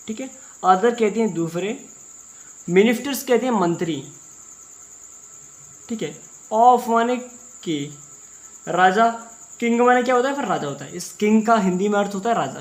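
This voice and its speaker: A man with an Indian accent and a high-pitched voice teaches English through Hindi. He reads English sentences slowly, word by word, explaining each word repeatedly.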